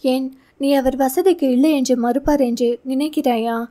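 A woman's voice: high-pitched, steady tone, moderate pace, dark tone, natural voice. A woman reading the part of a caring young female friend who keeps asking probing questions. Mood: coaxing. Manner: questioning, coaxing.

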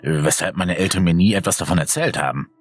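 A man's voice: low voice, fast, slightly rough, dry recording. A man voicing a nervous teenage boy who hesitates and stammers. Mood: anxious. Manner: hesitant, stammering, many fillers.

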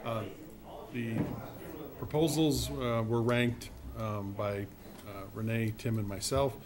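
A man reporting to a village board meeting for the finance committee, pausing often with ums and uhs. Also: mid-range voice, steady tone, noisy background. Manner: halting, many ums and uhs.

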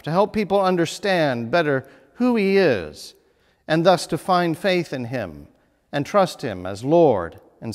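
Man in his thirties, priest, slightly high voice, animated sermon delivery, echoing church hall. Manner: measured, lively preaching with emphatic phrasing. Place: small church chapel with stone wall. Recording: long reverb of a church hall.

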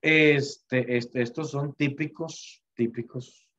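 A male teacher gives a loose, chatty online lecture, filling his pauses with fillers and restarting his sentences. His voice sits at a middle pitch. The audio comes through a computer mic and sounds slightly muffled and lo-fi. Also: steady tone, fairly bright tone.

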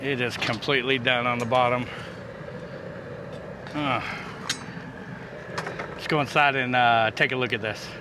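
A man co-hosting a trucking vlog, chatting in a relaxed, joking way from inside a truck cab. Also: medium pitch, unhurried, pauses often, background noise. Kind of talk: casual cooking chat.

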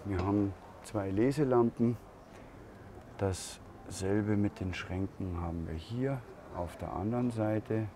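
A man giving a slow walkaround tour of a camper van at a trade fair, thinking aloud with pauses and fillers. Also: on the low side, dark tone. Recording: crowd noise of a trade fair. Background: crowd chatter of a fair.

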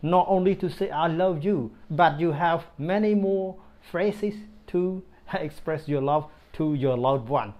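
A man in his thirties with a Cambodian accent and Khmer as his first language, teaching English to camera in deliberate, repeated phrases. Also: on the high side, darkish tone. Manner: slow, deliberate phrasing with repetition. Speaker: English teacher, channel host. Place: indoor room in front of a display screen.

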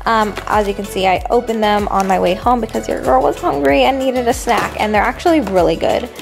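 With a fairly high voice, some vocal fry, and a slightly quick pace, a young woman talks over music as she shows her grocery haul. Her delivery is loose, informal, and slangy, typical of a chatty vlog.

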